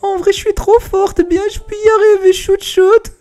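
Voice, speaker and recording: A man voicing a young female hunter in a high falsetto, squeaky and exaggerated, while playing a game. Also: flat delivery, normal speed, a little mellow, faint music behind. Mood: gleeful. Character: young female hunter, nervous then trigger-happy.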